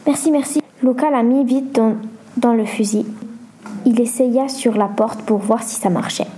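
Fields: Sex: female. Role: storyteller. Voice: mellow, slightly high. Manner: plain, occasionally stumbling reading. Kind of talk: reading a story aloud.

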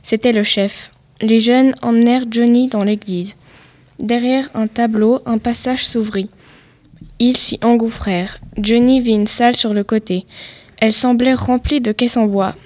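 A woman reading a story aloud in a steady, even way. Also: a little high, unhurried. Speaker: story reader.

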